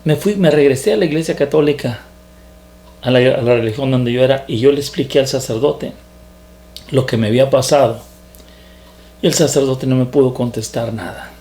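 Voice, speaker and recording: A man, a preacher, telling his testimony in a sermon in an earnest, halting way that repeats words. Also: mid-range voice, dark tone.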